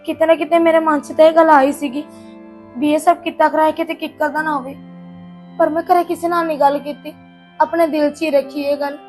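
A woman's voice: high voice, flat delivery, brisk, darkish tone, soft background music, natural voice. A woman playing a caring, reassuring sister-in-law in a Punjabi drama. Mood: worried. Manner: soothing, reassuring.

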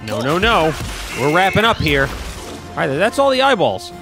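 A man casually commenting while playing a video game, joking and quickly voicing the characters in silly lines. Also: a little high, big pitch swings, music in the background. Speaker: gaming YouTuber. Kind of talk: casual let's-play commentary.

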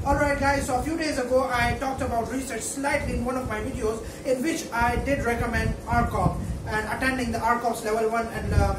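Young guy w pakistani accent explaining stuff to camera, emphatic, echoey noisy room. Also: very high-pitched. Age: 20s. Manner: emphatic, repeats points, often checks with "okay". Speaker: medical student presenting an educational video. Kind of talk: informal explanatory talk to camera. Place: indoor room in front of a whiteboard. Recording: echoey room, distant mic, clear background noise.

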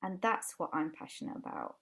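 A life coach in her forties with a Yorkshire accent joins a casual podcast chat by video call from home, sitting in a room with a brick wall. The English guest talks earnestly and a little fast, often restarting sentences, her low voice swinging hugely in pitch with a slightly bright, breathy edge.

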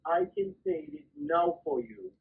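A man on a phone line making a persuasive, insistent pitch in repetitive, non-native phrasing. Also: huge pitch swings, a little slow, creaky. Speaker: phone scammer. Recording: tinny, narrow phone line.

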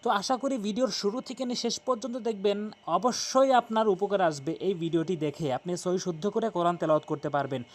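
A man teaching Quran pronunciation, spelling out letters slowly and repeating each correction. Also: high voice.

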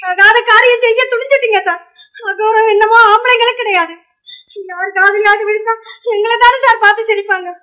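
An actress playing a bold young singer woman in a 1950s film, quick and cheeky in her retorts. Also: sits high, a bit bright. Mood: indignant. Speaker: singer staying in the house.

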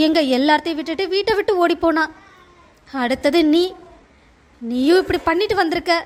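A woman voicing a scheming, emotional middle-aged aunt in a cartoon family drama, scolding in a melodramatic way. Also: very high voice.

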